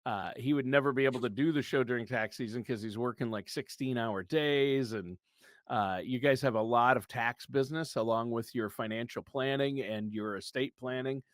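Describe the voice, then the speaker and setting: Brief: fifties male co-host, mid-pitched, dry close sound, chatty and jokey. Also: moderate pace, dry recording. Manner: chatty, joking, laughs often. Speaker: podcast co-host. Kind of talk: casual podcast chat.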